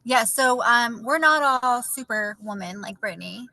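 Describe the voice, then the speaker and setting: A woman's voice: fairly high pitch, animated, a little slow, vocal fry, pushed and bright, no echo. A woman co-presenting as an MLM recruiter on a video call, casual, gushing and encouraging.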